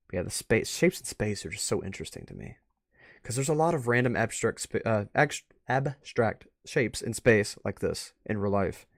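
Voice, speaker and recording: A man hosting a live art review stream offers casual, off-the-cuff commentary, rambling and musing aloud. His voice is on the low side, recorded at studio quality with no room sound.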